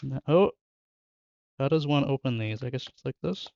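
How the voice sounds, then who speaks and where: A man's voice: mid-range voice, normal speed, creaky, darkish tone, dry recording, lo-fi sound. A young man chatting casually and joking with viewers while opening card packs in his bedroom, laughing often. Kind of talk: casual chat with live chat. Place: bedroom at home.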